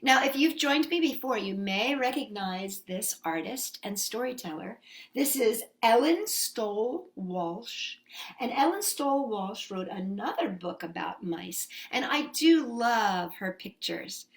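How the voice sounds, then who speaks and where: Hosting story time for young children, a woman reads aloud, leads sing-along songs, and talks expressively while asking her listeners simple questions. Her voice sits on the high side, animated yet slow.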